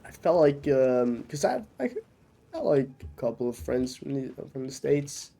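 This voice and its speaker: A young Norwegian man with a mid-range, gravelly, mellow voice talks in a sing-song way at a measured pace. He's sick with a cough and chats loosely with viewers while streaming a game, full of fillers and restarts.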